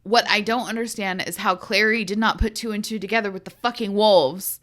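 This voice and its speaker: A woman's voice: medium pitch, steady tone, a little fast, a bit bright. A woman co-hosting a podcast in casual chat, blunt and sarcastic, swearing freely. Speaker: podcast co-host.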